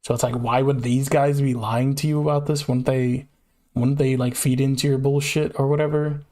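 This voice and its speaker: A man's voice: medium pitch, little pitch movement, moderate pace, warm tone. A young adult man, a streamer, chatting casually and reading a report aloud, often stumbling and misspeaking.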